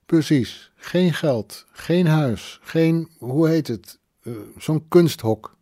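A man's voice: on the high side, warm tone, no room sound, pitched above the performer's own voice. A man voicing a tipsy, grieving woman of thirty-one who slurs, drags her words and gropes for them. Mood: tipsy, wistful. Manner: slurred, drawn-out, searching for words. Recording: dry close studio sound.

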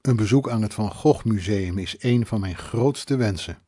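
A man voicing a sharp-tongued, bossy middle-aged widow who talks curtly, raising his voice for her. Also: fairly low pitch, moderate pace, husky, dry recording, clean studio sound. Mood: curious. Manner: snappish, curt.

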